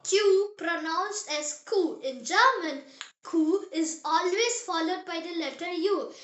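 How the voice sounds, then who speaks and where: Very high, bright-voiced language teacher. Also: echoey room. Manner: slow, syllable-by-syllable modeling of words; cheerful, encouraging asides to viewers. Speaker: German teacher. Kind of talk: beginner language lesson.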